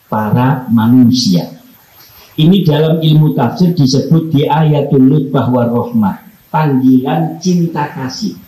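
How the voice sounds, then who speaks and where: A man with a Javanese accent preaching at a religious study gathering. He explains slowly, quotes Arabic verses and acts out everyday family examples. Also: medium pitch, warm tone. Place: room at a company religious gathering. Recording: echoey room.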